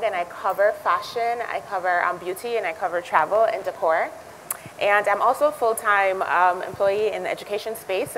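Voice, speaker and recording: A woman's voice: mid-range voice, a bit bright, slight background noise, poor audio. A woman from Jamaica, introducing herself earnestly as a lifestyle blogger on a panel at an event. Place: event hall.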